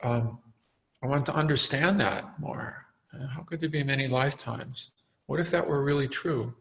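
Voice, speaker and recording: A man giving a dharma talk as a meditation teacher, reflective and halting, with frequent fillers and restarts. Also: mid-range voice, vocal fry, a bit bright, poor audio.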